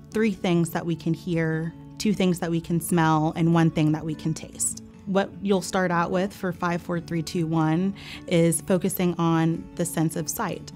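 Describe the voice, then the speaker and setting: A woman speaks as a therapist teaching a calming technique. Her voice sits a little on the low side, and her delivery is calm and gently instructive. Soft music plays faintly behind her. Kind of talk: instructional explanation of a calming exercise. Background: background music.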